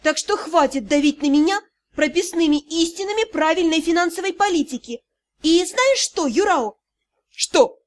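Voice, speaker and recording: A flustered young woman detective , voiced by an audiobook reader, answers back defensively with clear irritation. Her voice is high and bright-edged, pushed up above the narrating tone. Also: lively intonation, measured pace.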